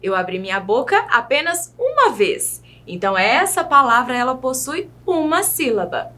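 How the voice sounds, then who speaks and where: A woman teacher with a Brazilian Portuguese accent, giving a patient children's video lesson and sounding out words slowly, syllable by syllable. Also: sits high, very animated, bright, forceful tone. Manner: slow, careful syllable-by-syllable enunciation; patient, addresses young pupils directly.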